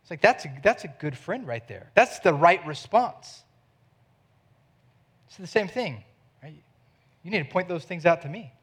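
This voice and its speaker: A man's voice: high-pitched, animated, normal speed, pauses often, husky. A middle-aged man preaching a sermon in a church, earnest and conversational, asking the listeners questions. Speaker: pastor.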